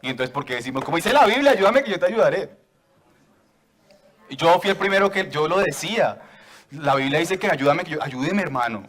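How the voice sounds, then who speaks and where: A man's voice: fairly high pitch, lively intonation, brisk, fairly bright tone. A man preaching a sermon to a church congregation, joking with them and asking for raised hands.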